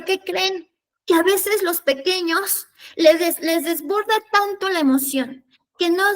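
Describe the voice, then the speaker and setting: Woman, high register, parenting workshop leader, explanatory tone with frequent check-ins. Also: a bit bright. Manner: explanatory, checks in with listeners through tag questions. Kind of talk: workshop lecture.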